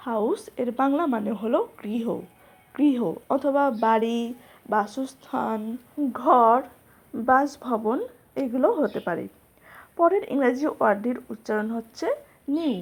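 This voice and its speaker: A woman's voice: on the high side, darkish tone. A woman teaching English vocabulary, spelling each word letter by letter and repeating the meanings. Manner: spells words letter by letter, slow and clear.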